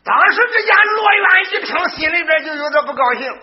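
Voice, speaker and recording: Casting: male drum-ballad narrator, very high, dramatic, lo-fi with drums. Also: expressive, fairly quick. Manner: sing-song, dramatic, shouted peaks. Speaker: drum-song storyteller. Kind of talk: traditional drum-ballad storytelling. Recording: dull lo-fi recording with drum accompaniment.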